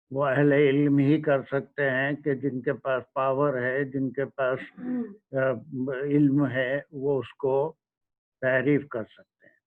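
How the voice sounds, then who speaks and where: A man giving a religious lecture, speaking slowly and pausing often to search for words. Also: medium pitch. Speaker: Quran lecturer. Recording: tinny phone-like recording.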